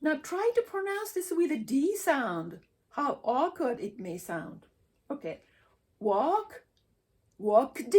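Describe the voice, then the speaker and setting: A woman teaching English pronunciation, slowly sounding out words and endings for her students to repeat. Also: high voice, a little mellow, a little hiss or hum. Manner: slow, deliberate, repeats sounds for practice. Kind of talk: pronunciation lesson.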